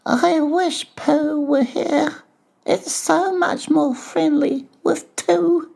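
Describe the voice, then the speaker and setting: A man voicing a small, timid, anxious piglet in a children's storybook, fretful and forlorn, with a halting delivery. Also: extremely high pitch, steady tone, creaky, a little mellow, pitched above the performer's own voice, heavily acted, low-quality recording. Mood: forlorn, hopeful. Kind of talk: dramatized children's audiobook character voice.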